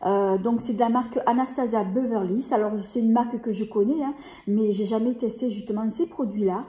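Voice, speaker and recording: A woman with a fairly high but mellow voice chats through a beauty unboxing. She hesitates often, trailing on fillers and starting phrases over. The room around her is echoey. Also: a little fast. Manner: hesitant, many fillers and restarts. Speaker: beauty vlogger. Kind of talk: casual product unboxing.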